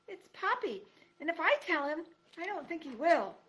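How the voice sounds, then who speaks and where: A woman voicing a timid young female deer mouse who pleads in a high, anxious voice. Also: big pitch swings, normal speed, fairly bright tone, full character voice, rough recording. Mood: timid pleading.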